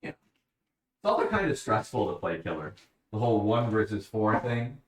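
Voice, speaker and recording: A man's voice: lowish voice, big pitch swings, normal speed, far from the mic. A man chatting casually on a live stream, answering questions from his chat. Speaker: livestreamer. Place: at home, bathroom with a bathtub. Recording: echoey room, away from the mic.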